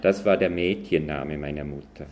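A man voicing a sly, quick-thinking male mole in a read-aloud animal story, speaking in a pleading, cunning way. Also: extremely low pitch, darkish tone, lo-fi sound. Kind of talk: storybook reading.

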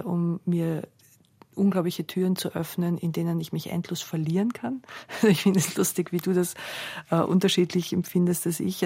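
A woman interviewing a writer, her voice lowish, gravelly and a little husky. She speaks in an even, reflective way with a flat melody. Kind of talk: conversational interview questions.

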